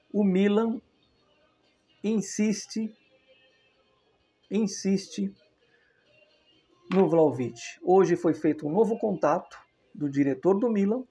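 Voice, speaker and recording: A man's voice: on the high side, warm tone, breathy edge. A man hosting a casual football video, chatty and loose, often correcting himself mid-sentence. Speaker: football channel host.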